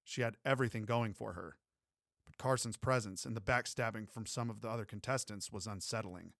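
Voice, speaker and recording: A man narrating a romance audiobook in a steady, even storytelling way. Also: fairly low pitch, a little fast, gravelly, dry recording, clean studio sound. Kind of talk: scripted narration.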